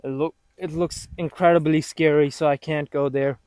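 Standing on an outdoor pitch, a man talks casually to the camera about his football training, thinking aloud in a halting, self-motivating way. His voice is steady and somewhat dark, with no room sound.

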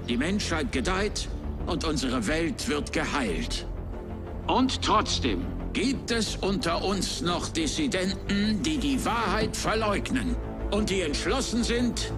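An actor playing a self-righteous regime spokesman, giving a solemn, formal broadcast address in a game. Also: fairly high pitch. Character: smooth propaganda spokesman of an alien-backed regime, self-righteous. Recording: music playing under the voice.

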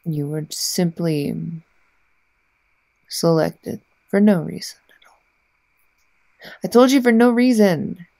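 A woman voicing a haughty, secretly affectionate cat girl in a soft ASMR ASMR role-play, murmuring haltingly with breathy mouth sounds. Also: fairly low pitch, animated, no room sound. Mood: defensive, dismissive.

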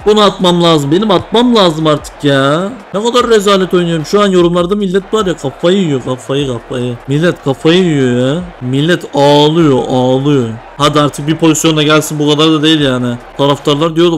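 A young man with a slightly high voice commentates a mobile football game for his gaming videos, talking to himself with excitement as he groans at setbacks and cheers at goals. There's a little hiss or hum.

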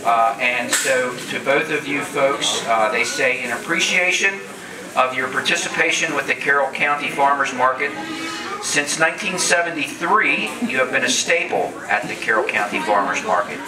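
A man's voice: mid-range voice, moderate pace. A middle-aged man presenting awards at a public ceremony. He speaks on a handheld microphone and breaks off the script to joke. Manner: joking, off-script asides. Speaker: county commissioner presenting awards. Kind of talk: casual public ceremony speech. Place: large open-sided farm hall. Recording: echoey hall, crowd noise, distant mic.

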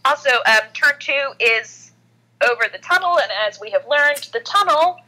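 A woman's voice: high voice, expressive, normal speed, bright, forceful tone, low-quality recording. A woman co-hosting a racing podcast in playful casual chat. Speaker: podcast co-host.

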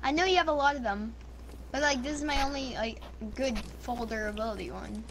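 Female, very high voice, bossy slangy gamer haggling over voice chat, clearly noisy recording. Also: brisk. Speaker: video game player trading items. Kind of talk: casual gaming chat.

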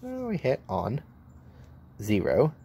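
A man's voice: mid-range voice, huge pitch swings, slow, creaky, dark tone, husky. Blunt joking welder showing his tools. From United States. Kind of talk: casual hands-on tool demo. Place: outdoor welding table. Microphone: handheld camera mic, filming one-handed.

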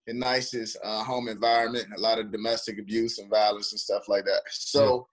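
A young man from Washington, DC, a former football player and trainer, telling stories in a lively, slangy way with many restarts. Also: on the low side, a little fast. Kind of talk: casual podcast chat.

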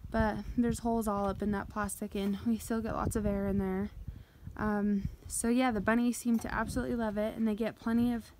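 A woman's voice: medium pitch, little pitch movement, fairly quick, a little mellow, a little hiss or hum, rough recording. A woman giving a casual walkthrough of a barn on her farm, explaining plainly with some fillers, recorded outdoors on a handheld phone. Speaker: farm owner giving a tour. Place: outdoors at a farm building site.

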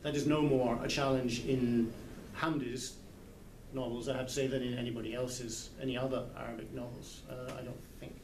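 This mid-range, darkish voice has a flat delivery at normal speed. It comes from a man in his sixties, a literary translator musing hesitantly and hunting for words at a casual book club in a large hall, the small group seated in a circle. A camera a few metres away captures it with echo and background noise.

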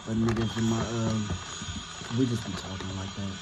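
A man's voice: on the low side, flat delivery, normal speed, heavy background noise. A young man from California giving casual, profanity-heavy reaction commentary on a football game, rambling and slangy. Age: young adult. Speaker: sports reaction video host.

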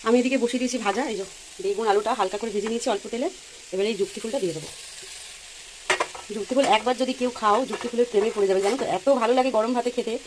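A woman's voice: a little high, steady tone, racing, noisy background. A woman vlogging from her village home, chatting to viewers as she feeds animals and cooks. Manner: chatty, explains each cooking step to viewers. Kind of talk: casual cooking vlog narration.

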